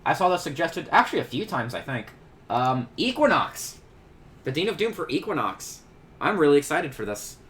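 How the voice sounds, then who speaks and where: A man hosting a reaction video, talking casually with quick jokes, asides and lots of fillers. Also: fairly high pitch, very animated, a bit bright. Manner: chatty, joking, with many fillers and quick asides. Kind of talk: casual commentary over a video.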